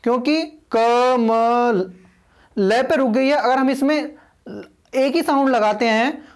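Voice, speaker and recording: A man's voice: extremely high pitch, unhurried. A man teaching a video lesson, explaining patiently and repeating himself, spelling names out letter by letter.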